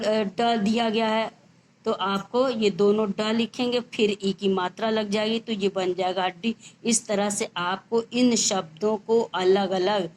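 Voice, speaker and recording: A woman teacher walks a class through a grammar lesson at a very unhurried pace. She breaks each word down letter by letter before saying it whole. A faint background noise sits under the recording. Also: mid-range voice, rough recording. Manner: slow, spells out words letter by letter. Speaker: school teacher.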